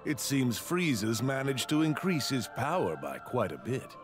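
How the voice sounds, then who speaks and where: A man voicing an aloof, languid cat-like god in a video game, speaking in a measured, appraising way. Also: mid-range voice, sing-song, music in the background, close to an everyday voice. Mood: musing.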